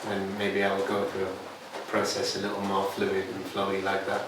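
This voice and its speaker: In an echoey, reverberant room with background noise and a far-off microphone, a hypnotherapy instructor gives an informal lesson and takes questions with hesitant, conversational phrasing. His low, slightly bright voice is completely flat, at a moderate pace.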